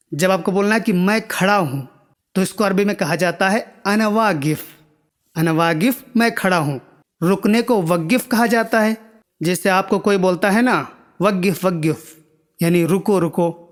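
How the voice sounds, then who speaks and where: A man's voice: high voice, big-room sound. A man teaching words of a language to viewers, patiently repeating each word and checking that they understand. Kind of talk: spoken language lesson.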